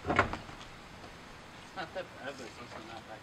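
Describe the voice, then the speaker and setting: A man's voice: mid-range voice, expressive, moderate pace, far from the mic, heavy background noise. A young man helping a friend with a car, chatting offhand and joking outdoors in a driveway. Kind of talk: casual chat.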